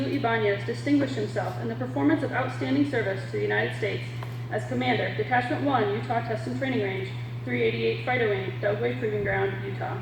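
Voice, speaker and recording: A woman with a fairly high voice delivers formal, scripted military ceremony narration. She reads official orders in a measured, ceremonial manner. The sound is heavily echoey, as in a big hall, with loud background noise and hum.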